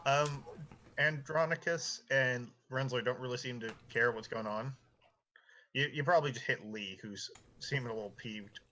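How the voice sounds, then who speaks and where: A man's voice: mid-range voice, bright, forceful tone. A man narrating a tabletop role-playing game as dungeon master, loose and full of fillers. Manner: loose, filler-heavy narration with quick character voices.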